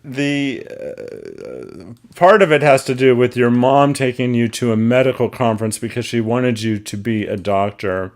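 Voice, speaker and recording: A man's voice: mid-range voice, animated, a little slow. A man hosting his own interview show, earnest and talkative, introducing his guest and carefully crediting others. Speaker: podcast host.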